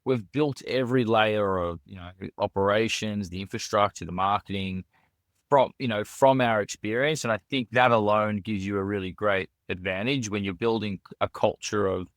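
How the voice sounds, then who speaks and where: A man with a fairly low voice and an Australian accent, a restaurant founder, talks at normal speed as a guest in a casual podcast interview. Earnest in manner, he fills his speech with "you know," repeated words, and restarts. It's studio-quality audio with no echo.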